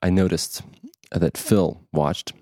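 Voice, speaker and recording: A man co-hosting a podcast in casual chat, thinking aloud in a halting way and repeating words. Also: low voice, steady tone, warm tone, no echo, studio quality. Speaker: podcast co-host.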